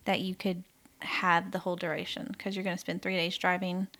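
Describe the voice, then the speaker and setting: A woman's voice: fairly low pitch, flat delivery, a little fast, a bit bright. A woman co-hosting a podcast in casual, rambling chat, laughing often. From Ontario, Canada. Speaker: podcast co-host.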